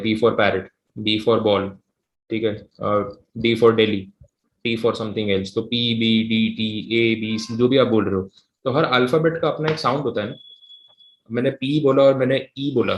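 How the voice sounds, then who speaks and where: Male teacher in an echoey classroom. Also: medium pitch. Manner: reads definitions slowly and dictates them word by word; switches between conversational talk and English reading. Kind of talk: live classroom lecture.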